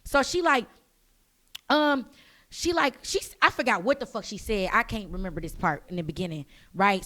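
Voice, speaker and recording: Animated, profane young woman telling a story. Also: on the high side. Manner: animated, profane, acts out quotes in her own voice. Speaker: storyteller guest. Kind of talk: casual storytelling.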